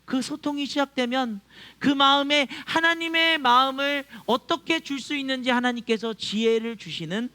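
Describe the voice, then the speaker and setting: High, bright-voiced male pastor preaching. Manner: acts out quoted voices, chuckles often. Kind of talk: sermon. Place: church.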